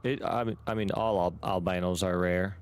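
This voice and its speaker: A man's voice: deep voice, fairly even intonation, moderate pace, clean tone. A man playing a video game, reading its text aloud and dropping casual, joking asides. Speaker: gaming streamer.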